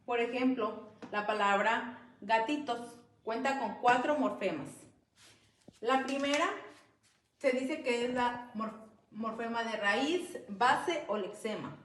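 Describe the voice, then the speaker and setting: Give me a woman giving a slow, careful lesson, a bit high-pitched. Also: fairly bright tone, reverberant, a little hiss or hum. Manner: slow, careful, stresses example sounds. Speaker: student presenter. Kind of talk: educational explanation.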